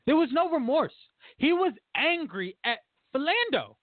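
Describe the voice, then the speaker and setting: A man with a very high voice hosts a casual podcast discussion at a normal speed, speaking in an animated, emphatic way and acting out quotes. The audio is dry and phone-like, with no room sound.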